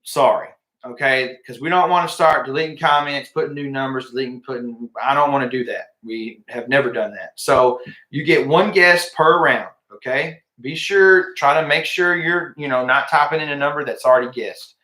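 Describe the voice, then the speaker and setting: A man announces a live giveaway in a bright, forward voice. He speaks informally, straight to his viewers, and repeats key phrases. The room around him is noticeably echoey. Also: medium pitch, normal speed. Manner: informal, addresses viewers directly, repeats himself. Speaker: livestream host.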